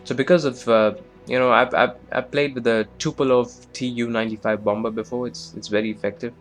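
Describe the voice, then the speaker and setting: A man's voice: mid-range voice, fairly even intonation, fairly quick, faint music behind. A man giving casual, rambling let's-play commentary on a strategy game, with lots of fillers and self-deprecating asides. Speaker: gameplay commentator.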